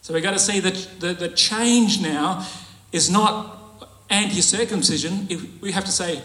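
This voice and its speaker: Man, preacher, sermon, conversational, jokey, slightly high voice, echoey room. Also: a little slow, sharp tone. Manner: conversational, jokey, laughs at his own asides.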